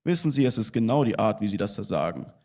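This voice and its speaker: A man's voice: on the low side, expressive, fast talker, dark tone, natural voice. A man reading the lines of a young Hungarian chauffeur who answers tersely and guardedly.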